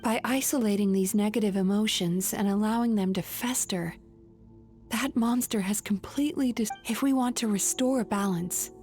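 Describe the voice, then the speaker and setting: A woman voicing a calm, resolute young nightmare eater in a video game, speaking in an earnest, explanatory way. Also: medium pitch, moderate pace, lightly acted. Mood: solemn, explaining. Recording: game music behind.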